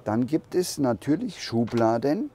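This clip has a man at medium pitch touring a camper van at a trade fair, recorded from inside the vehicle. He takes his time and thinks aloud, and a slight hiss or hum can be heard.

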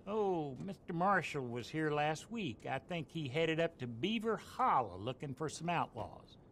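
An actor playing a lazy, evasive deputy in a video game who daydreams of promotion. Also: male voice, on the high side, very animated, unhurried, fairly bright tone, slight background noise, full character voice. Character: lazy, scheming male small-town deputy.

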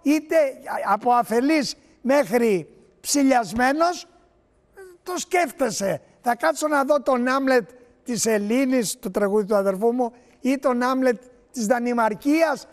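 A man's voice: very high voice, long reverb tail. A man on a talk show panel, arguing indignantly and insisting on finishing his point in a heated studio debate. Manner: indignant, insistent, interrupts to hold the floor.

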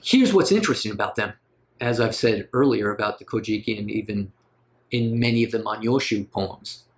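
Man lecturing with lively questions. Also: lowish voice, brisk. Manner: lively, rhetorical questions, emphatic rises. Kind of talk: recorded literature lecture.

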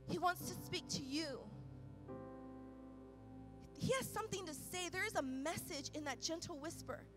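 Woman pastor, high voice, impassioned sermon over clear music, swings loud to soft. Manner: impassioned, swings between loud urgent peaks and soft quiet passages; repeats and restarts phrases while preaching. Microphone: microphone.

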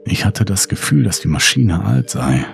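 Very deep, gravelly, husky male narrator. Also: expressive, moderate pace, faint music behind. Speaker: horror story narrator. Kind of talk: scripted horror audiobook narration.

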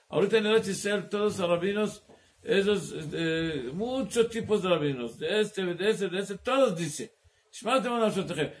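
A man with a rather high, gravelly voice teaches a Talmud class as a rabbi. His delivery is halting. He keeps searching for words and slips Hebrew terms into his explanations. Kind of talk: Torah class.

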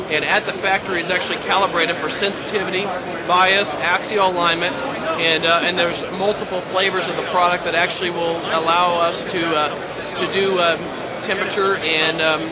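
A man in his thirties delivers a trade show product pitch in a high voice. His intonation stays quite flat, with hesitant pauses as he explains. A loud, busy exhibition hall crowd surrounds him. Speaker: applications engineer giving a product demo. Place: large indoor trade show floor.

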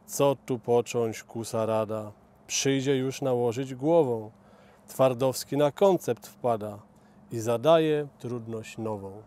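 A man, a local resident, narrating a ballad in a measured, stern way. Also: medium pitch, dark tone. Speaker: resident reader. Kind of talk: poetry narration.

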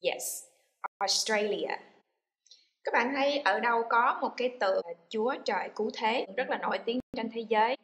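A woman's voice: a little high, normal speed. A woman teaching an English lesson to a class, explaining and then saying model words with strong stress for students to repeat. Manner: switches between explaining and loud, stressed model words for repetition. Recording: echoey room.

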